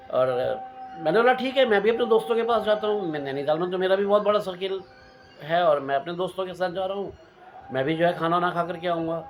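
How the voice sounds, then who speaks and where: Man from Uttarakhand, slightly high-pitched storyteller; animated ghost-experience telling. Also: a little hiss or hum. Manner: animated, repeats phrases for suspense. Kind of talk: recounting a personal ghost experience.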